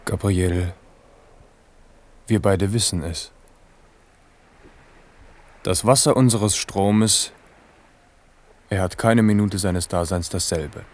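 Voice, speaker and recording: A man's voice: sits low, slow, long pauses, darkish tone. An actor playing a weary, loving, philosophical king in a German radio drama, with solemn, lyrical delivery. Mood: weary, tender musing. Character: King Henri, weary, musing, loving monarch.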